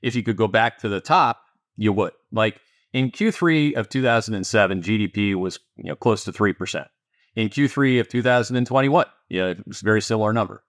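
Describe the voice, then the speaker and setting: A man with a Canadian accent, an investment firm founder answering interview questions in an animated, emphatic way with sarcastic asides. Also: on the low side, fairly quick, no room sound, studio quality.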